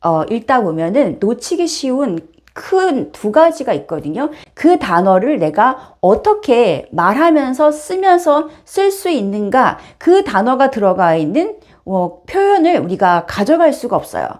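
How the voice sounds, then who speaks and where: A woman's voice: fairly high pitch, sing-song, measured pace, few pauses, darkish tone. A woman teaching an online English lesson. She talks straight to her viewers with an emphatic, teacherly manner.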